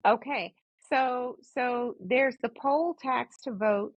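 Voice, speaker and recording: A woman in a conversational family interview, speaking emphatically and repeating phrases, on low-bitrate audio. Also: slow, breathy edge, no room sound, rough recording. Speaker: interviewer, daughter questioning her father.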